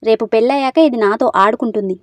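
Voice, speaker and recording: A woman's voice: on the high side, quick pace, no room sound, close to an everyday voice. A woman voicing a hot-tempered but doting young village man in a storybook reading, scolding then coaxing. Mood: irritated.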